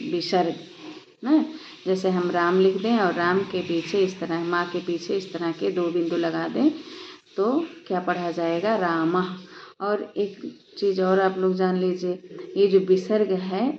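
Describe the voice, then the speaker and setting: Slow, patient woman teacher, echoey room. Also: on the low side. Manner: patient, asks students questions and answers them. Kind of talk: classroom grammar lesson. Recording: echoey lo-fi room recording with faint hiss.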